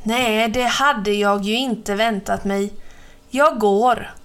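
A woman voicing a calm, cocky boy who brushes off his friend's fear. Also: mid-range voice, close to an everyday voice. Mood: laid-back cocky. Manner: laid-back, dismissive.

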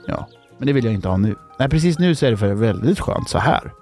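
Playful rambling man with a gravelly voice. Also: mid-range voice, very animated, darkish tone, faint music behind. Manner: rambling, playful, self-correcting. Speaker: host of a children's bedtime show. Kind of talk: playful storytelling and joke-telling.

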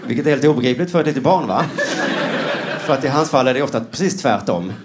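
A man's voice: mid-range voice, expressive, background noise. A man performing a rambling, sarcastic stand-up routine, mocking other voices as he goes. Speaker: stand-up comedian.

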